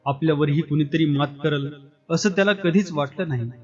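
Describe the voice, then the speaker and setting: A man narrating a literary short story with a steady, expressive reading. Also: on the high side, normal speed. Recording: dull lo-fi with faint music.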